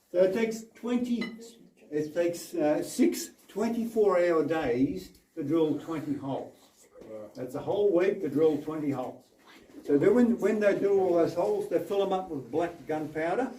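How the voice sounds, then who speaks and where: A man's voice: fairly high pitch, dark tone. A man leading a group through an old mine tunnel, explaining steadily and giving directions, his voice echoing off the rock walls. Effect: cave echo from the rock tunnel. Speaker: mine tour guide. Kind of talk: guided tour explanation to a group. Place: inside an underground gold mine tunnel. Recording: echoey tunnel voice from some distance, faint noise.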